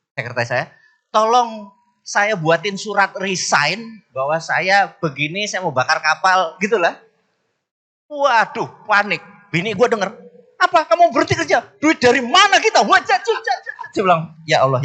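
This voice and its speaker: Bright animated man telling stories. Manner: animated, jumps high in pitch when acting out others; asks the audience "bener nggak?". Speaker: business speaker. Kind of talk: storytelling talk to an audience.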